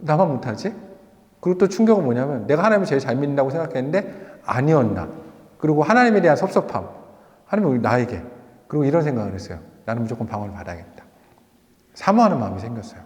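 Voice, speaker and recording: Male pastor, slightly high voice, animated sermon storyteller, long church reverb. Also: very fast. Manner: animated storytelling with rhetorical questions. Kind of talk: sermon with personal testimony and closing prayer. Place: church sanctuary.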